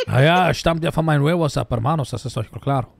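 A man's voice: fairly high pitch, fairly quick, gravelly, no echo. A young man playing a joking roleplay character in a video game, tossing Spanish words into his talk.

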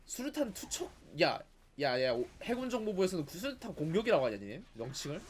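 A man's voice: a little high, very animated, quick pace, a little hiss or hum. A man giving casual, sarcastic commentary as he plays a game, nagging and talking back at the characters. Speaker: gaming video host.

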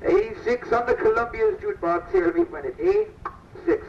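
A man's voice: very high voice, big pitch swings, normal speed, gravelly, a little hiss or hum. Joking man in pirate-captain patter. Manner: jokey, pirate-style "aye" interjections. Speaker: ship captain giving a ride spiel. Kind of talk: comedic live tour spiel. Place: aboard a sailing ship attraction. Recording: distant roomy lo-fi PA recording.

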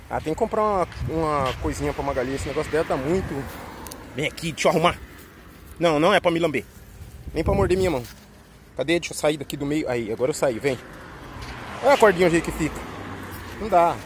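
A man's voice: fairly high pitch, quick pace, long pauses, background noise. Chatty Brazilian man coaxing his dogs. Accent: Brazilian Portuguese. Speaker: vlogger walking his dogs. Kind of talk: casual talk to pets on a walk. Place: outdoors on a street walk.

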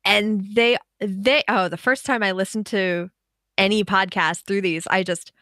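A woman with a crisp, bright voice and a noticeable whistle on her S's. She talks casually and animatedly, like a podcast guest telling stories about her work. The sound is very dry, with no room around it. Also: mid-range voice, steady tone, measured pace, dry recording. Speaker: podcast guest, audio editor. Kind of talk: casual podcast interview chat. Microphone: dynamic mic angled from the side with pop filter and windscreen, online call.

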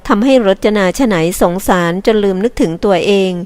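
A woman narrating an audiobook novel in a measured, expressive reading. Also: mid-range voice, no room sound. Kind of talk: scripted narration.

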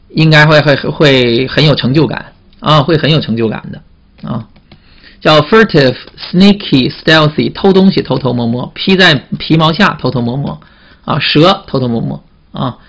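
Man, teacher, vocabulary lesson, slightly high voice, call-and-response questions. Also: fairly bright tone. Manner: repetitive, drawn-out "啊" fillers and call-and-response questions. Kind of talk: classroom vocabulary lecture.

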